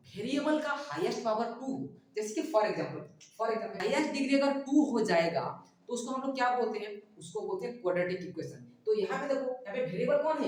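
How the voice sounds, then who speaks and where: A man's voice: very high-pitched, darkish tone. A male maths teacher giving a whiteboard lesson, who keeps asking questions and then answering them himself. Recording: very echoey room, far from the mic.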